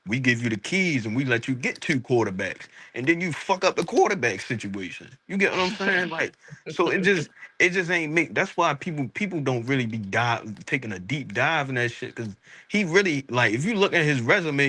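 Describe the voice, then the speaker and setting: A man with a sharp, bright voice delivers casual sports talk in loose street slang. He argues emphatically and keeps checking that he is understood. The sound is dry, with very little room. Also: mid-range voice, very animated, moderate pace, breathy edge, no echo. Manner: emphatic, repeats rhetorical check-ins.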